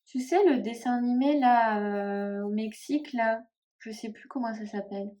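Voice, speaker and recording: A woman with a northern French accent chatting casually to camera about tarot decks, often pausing and trailing off as she searches for names. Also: a little high, steady tone, mellow. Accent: northern French (Ch'ti). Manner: hesitant, musing, many fillers and trailing off. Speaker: tarot vlogger.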